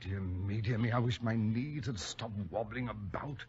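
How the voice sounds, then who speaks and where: An actor playing a loyal, blustery British gentleman doctor, stammering and flustered, in 1940s radio drama style. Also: on the low side, normal speed, very noisy, lightly acted. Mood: nervous. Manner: flustered, stammering, spluttering with indignation. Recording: muffled vintage radio recording.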